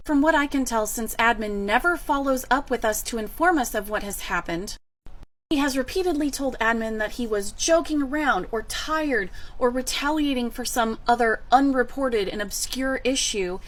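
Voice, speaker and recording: A woman's voice: fairly high pitch, normal speed, close to an everyday voice. A woman voicing a fed-up sarcastic teacher. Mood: calm, explaining. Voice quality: crisp, cutting, sarcastic. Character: fed-up female teacher, stern and articulate. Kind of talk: animated storytime voice acting.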